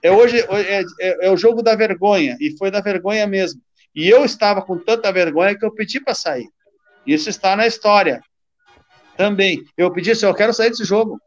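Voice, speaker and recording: Man, halting storyteller, fairly high pitch, muffled low-quality call sound. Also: soft background music. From southern Brazil. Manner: halting, repeats words while telling anecdotes. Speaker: former football player, guest. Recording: dull lo-fi call audio.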